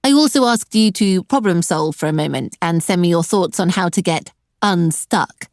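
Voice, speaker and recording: A woman's voice: lowish voice, animated, moderate pace, darkish tone, dry recording. A middle-aged woman hosting an online career webinar, talking directly to her viewers with a dry, sarcastic edge. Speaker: webinar host and career coach.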